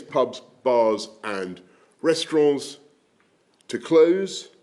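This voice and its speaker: A man making a public announcement in a slow, measured way, heard as a distant broadcast clip. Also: medium pitch, a little mellow.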